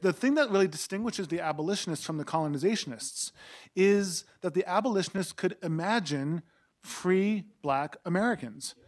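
A man's voice: high-pitched, expressive, moderate pace. A man in his forties on an academic panel, explaining history in a lecturing way with restarts and tag questions. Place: seminar room with a panel table and audience. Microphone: table mic on a stand.

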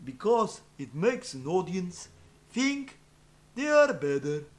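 Brief: a man playing a clownish fake-Russian meme guy, put-on Russian accent, a bit high, deliberately dumb. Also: big pitch swings, heavily acted. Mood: mocking.

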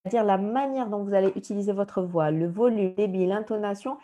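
A woman with a Moroccan French accent leads an online job-interview workshop. Her voice is warm and mellow, sitting at a middle pitch. She teaches methodically, numbering each point. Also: fairly quick. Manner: didactic, enumerating points, acts out recruiter lines. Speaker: career workshop trainer.

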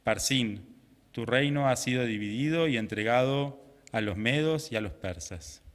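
A young male lector reads scripture at a lectern microphone in a small chapel. His voice sits in an ordinary middle pitch, and he reads in a measured, solemn way. The room adds a long, ringing reverb. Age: young adult. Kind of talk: liturgical scripture reading.

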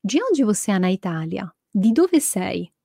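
A woman's voice: mid-range voice, big pitch swings, a little slow, vocal fry, mellow, husky, dry recording, clean studio sound. A woman from Italy, a native Italian speaker, teaching a chatty live lesson and acting out quoted dialogue.

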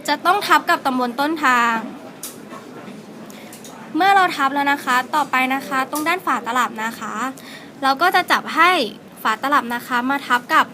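A young woman with a high voice walks through a demonstration step by step, politely softening every phrase. The recording is noisy, with a steady hiss of background sound. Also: normal speed. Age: young adult. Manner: polite, adds soft particles to every phrase. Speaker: student demonstrator. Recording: noisy amateur video recording.

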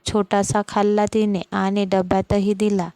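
A woman's voice: mid-range voice, level tone, normal speed, mellow, clean tone, no room sound, natural voice. A woman voicing a caring, fussy older mother-in-law who scolds kindly, in a storybook reading. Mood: fussing kindly.

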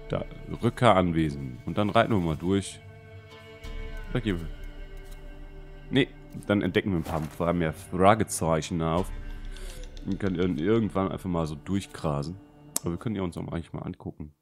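A man gives casual gaming commentary, often muttering to himself as he plays. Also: normal speed. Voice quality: deep voice. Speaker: let's play host. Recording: game music behind the voice. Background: video game music.

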